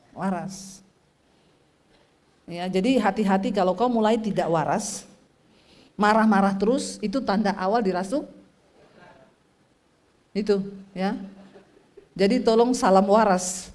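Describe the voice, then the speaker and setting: A middle-aged woman pastor preaching a sermon, telling stories with lively swings in pitch and loudness and speaking directly to the congregation.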